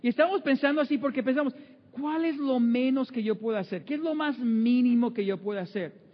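A man's voice: very high voice, brisk. A man preaching a sermon in a conversational way, with many fillers and acted-out inner voices. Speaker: pastor. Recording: muffled sound in a reverberant hall.

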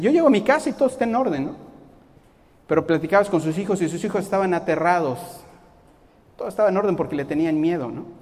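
A man preaching a sermon in an animated way, acting out the voices of the people he quotes. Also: on the high side, big-room sound.

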